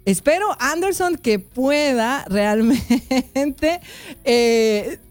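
A woman's voice: high voice, expressive, drawn-out words, soft background music. Chatty woman hosting a live interview. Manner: warm, chatty, repeats herself while fixing tech trouble. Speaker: host.

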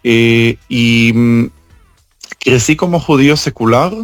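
A man from Israel, a tour guide, answering interview questions over an international phone call, speaking haltingly and pausing often. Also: medium pitch, no room sound, faint music behind. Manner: halting, with frequent hesitation fillers.

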